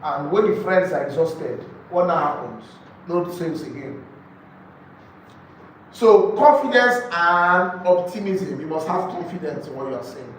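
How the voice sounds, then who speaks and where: A fairly high-pitched man with a Nigerian accent and lively intonation teaches a live group session on real estate sales, keeping a measured pace. Emphatic and repetitive with key phrases, he keeps asking rhetorical questions, and the sound is echoey and distant with a little noise.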